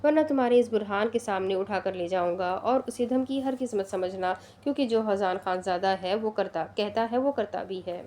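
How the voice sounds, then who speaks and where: A woman's voice: mid-range voice, few pauses, mellow, slight background noise, natural voice. A woman voicing an angry, jealous and possessive young man who talks in a stern, commanding way. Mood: threatening.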